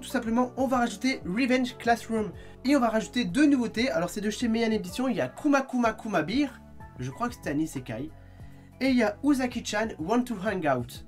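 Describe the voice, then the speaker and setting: A man chatting casually in a video review, lively with quick asides, sounding tired. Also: extremely high pitch. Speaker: manga vlogger.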